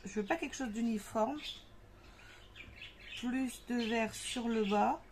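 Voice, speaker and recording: A woman's voice: on the high side, takes it slowly, darkish tone. Chatty woman with bird noise. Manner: chatty, thinks aloud with many fillers. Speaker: craft tutorial host. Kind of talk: casual craft demonstration. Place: home craft table with parakeets and kids nearby. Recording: noticeable home background noise with bird chirps.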